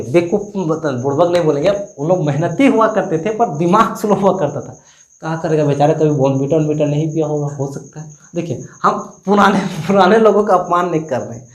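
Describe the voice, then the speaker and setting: A man's voice: high voice, a little mellow. Chatty male Hindi math tutor, echoey room. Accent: Jharkhand Hindi. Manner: chatty, asks and answers his own questions, teasing. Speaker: math teacher. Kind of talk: casual classroom tutorial.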